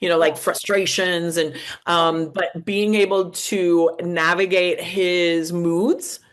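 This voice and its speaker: An older woman hosting a podcast, talking in a halting way with many restarts. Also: fairly low pitch, little pitch movement. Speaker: podcast host. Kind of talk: podcast conversation.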